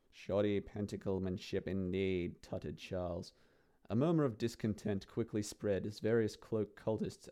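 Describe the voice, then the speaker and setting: A man narrating a gory dark-fantasy story with dry, theatrical relish. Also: on the low side.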